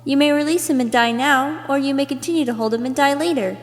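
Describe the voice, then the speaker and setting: Her voice sitting high and her pace quick, a woman reads second-person character narration from a script for her amateur voice-acting reel. The audio carries a long, hollow echo.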